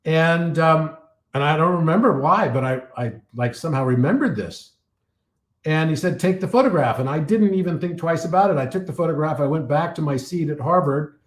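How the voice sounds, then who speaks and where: A man giving a live talk and taking audience questions, telling stories full of fillers and restarts while his voice is getting a little hoarse. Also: fairly high pitch, moderate pace, roomy sound. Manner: rambling storytelling with many fillers and restarts.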